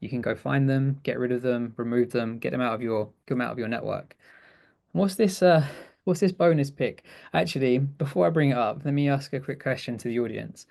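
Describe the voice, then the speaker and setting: His voice is medium-pitched, gravelly and a touch mellow, and he talks briskly while co-presenting a webinar's technical demo. Chatty and quick to laugh, he keeps restarting and correcting himself.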